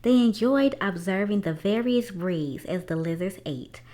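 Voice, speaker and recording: Deliberate pauses separate the phrases as a woman reads a children's book in a lively storytelling style. Her voice is mid-range.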